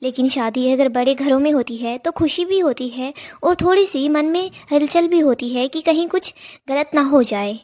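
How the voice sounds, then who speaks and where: A woman's voice: sits high, moderate pace, darkish tone, no echo, clean studio sound, natural voice. A woman reading the lines of a caring, worried middle-aged mother in a drama recap.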